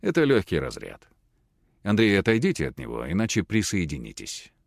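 A man voicing a calm, detached middle-aged professor who speaks in a measured way. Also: sits low, vocal fry, no room sound, clean studio sound, full character voice. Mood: calm, cold.

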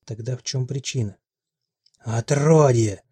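A male narrator reads fantasy fiction with a measured, wry delivery. His voice is mellow and dark with a husky grain. The recording is close and dry. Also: medium pitch, fairly even intonation, dry recording. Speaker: audiobook narrator.

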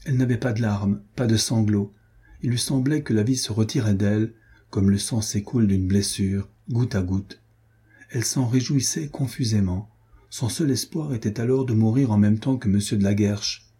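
Audiobook reader, man, very dark husky voice, measured and dramatic, historical novel. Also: on the low side. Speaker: audiobook narrator. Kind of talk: reading a historical novel aloud.

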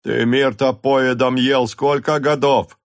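A man voicing a sly, defiant male peasant ringleader in an audiobook, shouting back. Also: on the high side, very animated, slow pace, husky, no room sound, clean studio sound, pitched above the performer's own voice, exaggerated voice.

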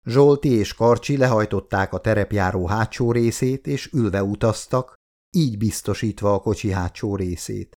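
A man narrating an audiobook in a steady, measured storytelling manner. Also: lowish voice.

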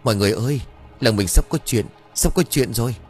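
A man's voice: on the low side, lively intonation, normal speed, faint music behind, lightly acted. A man voicing a half-mad old village woman who cries out in alarm, in an audiobook. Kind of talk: audiobook character voice.

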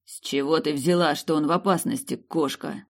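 An audiobook reader voicing a stern, wounded male dragon lord who speaks heavily and gravely. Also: fairly high pitch, fairly even intonation, moderate pace. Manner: grave, heavy-voiced.

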